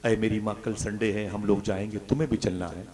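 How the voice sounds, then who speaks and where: A man preaching an emotional story-driven sermon, swinging from loud declaiming to hushed, grieving tones. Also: lowish voice, steady tone, fairly quick. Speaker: Islamic speaker.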